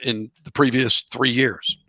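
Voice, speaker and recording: Middle-aged male interview guest, gravelly, chatty storyteller, dry recording. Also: mid-range voice, flat delivery, a little slow, sharp tone, no room sound. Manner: chatty, rambling anecdotes with chuckles. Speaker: guest, author and former college outfielder. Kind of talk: relaxed storytelling in a podcast interview.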